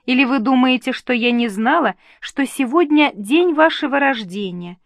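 A woman's voice: high voice, normal speed, no echo, studio quality, voice pushed up, lightly acted. A woman voicing a gracious, dignified and tender queen in an audiobook reading. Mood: gently chiding. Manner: warm, reassuring.

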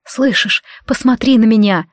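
A woman voicing a young heroine who pleads breathlessly, pitched a little above her reading voice. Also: moderate pace, no echo, clean studio sound, lightly acted. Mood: pleading.

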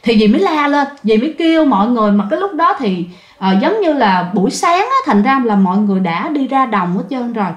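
A woman's voice: on the high side, lively intonation, brisk. A woman telling a ghost story, chatting directly to her listeners. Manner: conversational, addresses listeners directly. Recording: roomy echoey recording.

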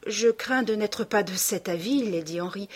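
A woman's voice: mid-range voice, normal speed, darkish tone, breathy edge, close to an everyday voice. A woman reading an audiobook and voicing a shy, earnest young man in love.

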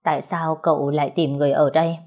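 A woman voicing a smooth, flattering old official. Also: a little high, quick pace. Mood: courteous. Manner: effusive, flattering. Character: smooth older rural official, courteous host.

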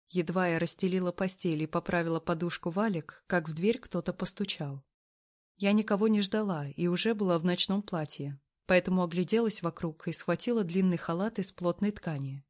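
A woman reading a first-person story aloud, narrating in a calm, even way. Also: fairly low pitch.

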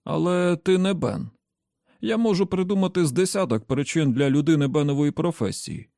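A man reading an audiobook, voicing a shrewd older man who explains his reasoning step by step in a measured way. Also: fairly high pitch, lively intonation, vocal fry, dark tone, no room sound, clean studio sound. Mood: explaining. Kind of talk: audiobook character voice.

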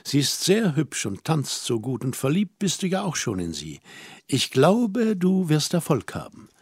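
A man's voice: on the high side, big pitch swings, unhurried, husky, no room sound, studio quality, full character voice. A man reading as a teasing worldly young woman. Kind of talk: audiobook character reading.

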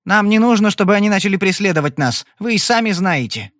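A man's voice: sits high, expressive, quick pace, a bit bright, no echo, clean studio sound, voice pushed up. A man doing a placating, nervous card cheat.

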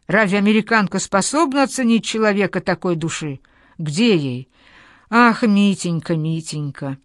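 A woman voicing a domineering, furious general's wife with a low booming voice, in a dry recording. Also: normal speed, dry recording, lightly acted. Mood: wailing, scornful. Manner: low booming voice, raging and scornful.

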